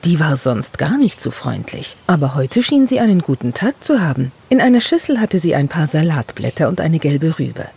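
Low, warm-voiced woman reading a story. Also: sing-song, normal speed, gravelly, few pauses, breathy edge. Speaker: narrator. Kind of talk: storybook narration.

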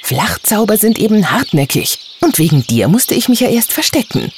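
A man's voice: sits high, very animated, moderate pace, a little hiss or hum, voice pushed up. A man voicing a cheeky, proud little female fairy hunter who talks back in a snappy, boastful way.

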